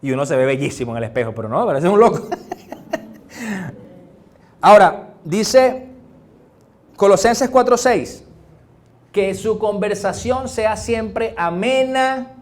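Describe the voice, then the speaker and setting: Male Venezuelan pastor, higher-pitched, chatty sermon full of jokes and acted-out exchanges. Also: slow pace, pauses often. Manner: animated, joking, acts out little dialogues. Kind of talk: conversational sermon.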